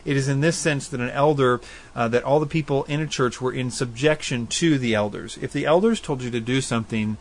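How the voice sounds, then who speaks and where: A man with a medium-pitched voice hosts a faith-based, call-in style radio program, answering listener questions in casual, explanatory Bible teaching. His relaxed manner is earnest and thoughtful, weighing each point and laying it out plainly. He spells out addresses slowly.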